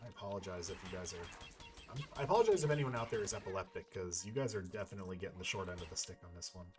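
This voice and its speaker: A gaming YouTuber with a low voice talks very fast and with lively intonation over music while he plays. His let's-play commentary is casual, rambling, playful, and sometimes profane as he thinks out loud.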